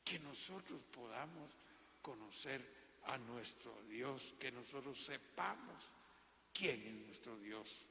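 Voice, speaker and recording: A man with a Guatemalan accent preaching a fervent, halting sermon in a church hall and often calling his listeners brother. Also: medium pitch, expressive, vocal fry, bright, forceful tone, slight background noise. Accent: Guatemalan Spanish.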